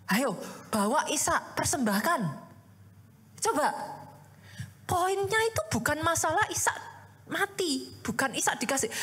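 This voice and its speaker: A woman pastor preaches in a high, bright-pitched voice that rises and falls all over the place. She keeps the sermon conversational, firing rhetorical questions at the congregation and calling them by name. Her carries a light tinge. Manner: addresses the congregation often as "Saudara".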